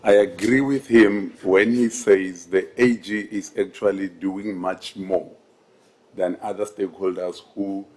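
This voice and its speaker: A man's voice: sits low, steady tone, a little slow, darkish tone. A man giving formal, courteous remarks as a member of parliament in a committee.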